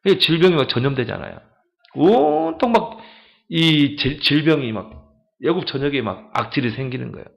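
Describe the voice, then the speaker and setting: A man's voice: a little high, normal speed, gravelly. Male pastor preaching in church, voice swings up and down a lot, keeps asking the crowd stuff. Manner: animated preaching with rhetorical questions to the congregation. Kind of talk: sermon.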